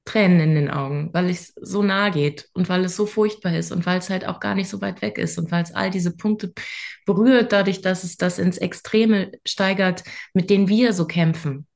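A woman's voice: fairly low pitch, moderate pace, creaky. A woman co-hosting a book podcast, reacting emotionally and sympathetically in casual chat. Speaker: podcast co-host.

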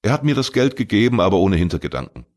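A man's voice: fairly low pitch, big pitch swings, fast talker, a little mellow, pitched above the performer's own voice. A man reading a crime story voices a teenage boy who pleads and eagerly justifies himself. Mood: defensive. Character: teenage boy, defensive and talkative.

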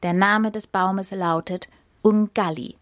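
A woman voicing a proud male lion king in a storybook reading, speaking slowly and sternly. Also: mid-range voice, fairly even intonation, no echo, studio quality, close to an everyday voice.

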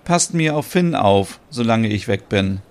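A man's voice: on the low side, expressive, a little slow, a little mellow, smooth. A man voicing an affectionate woman leaving on a train in a podcast soap opera. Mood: fond.

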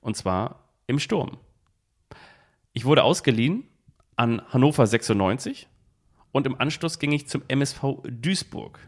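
A man hosting a relaxed football podcast, quizzing his co-host. He phrases each clue in the first person as the mystery player and lists clubs and career stats. He talks into a phone held close to a device. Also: medium pitch, unhurried, long pauses. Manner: poses riddles speaking in first person as footballers. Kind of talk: casual football quiz chat.

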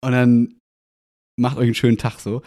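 A man hosting a casual podcast chat, telling a story with energy. His voice sits in an ordinary middle pitch. He acts out what others said as he goes. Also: moderate pace. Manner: animated anecdote telling, acting out quoted dialogue. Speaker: podcast host.

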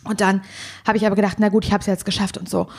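A woman's voice: mid-range voice, fast, vocal fry, slightly rough. A young woman co-hosting a podcast, telling a story in casual chat and acting out the dialogue. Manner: animated storytelling, acts out quoted dialogue. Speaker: podcast co-host.

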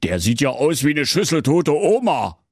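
A man voicing a fussy, excitable old fairy-tale king with a Berlin accent, talking high and shrill in a comic reading. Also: normal speed, no room sound, studio quality. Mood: outraged.

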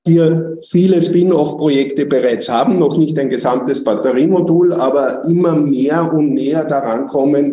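A man, a company executive giving measured, technical answers in a business interview. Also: fairly high pitch, mellow, echoey room, distant mic.

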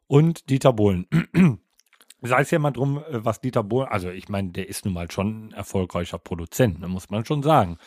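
A man co-hosting a podcast, talking in a relaxed, opinionated way with frequent hesitations. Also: lowish voice, a little fast, no room sound, studio quality. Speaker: podcast co-host. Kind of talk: casual chat.

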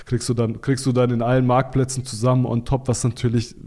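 A man's voice: mid-range voice, level tone, a little fast, darkish tone. Blunt, casual man giving seller advice. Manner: informal, blunt advice with frequent restarts and fillers. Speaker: podcast guest, Amazon seller consultant. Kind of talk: casual expert interview talk.

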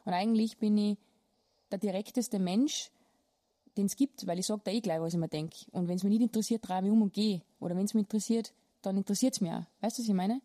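A woman's voice: mid-range voice, fast, mellow, no room sound, clean studio sound. A young Austrian woman hosting a casual podcast chat, blunt and rambling, swearing freely. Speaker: podcast host.

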